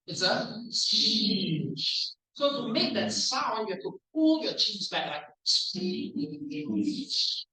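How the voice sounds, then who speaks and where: A Singaporean man gives a playful speech evaluation at a club meeting, sounding out words slowly for the room to repeat. His voice is bright and clear. He stands back from the mic, and the room echoes heavily. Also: high-pitched, very animated, recorded from a distance. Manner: playful, drills words aloud slowly for the audience. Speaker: language evaluator at a speaking club.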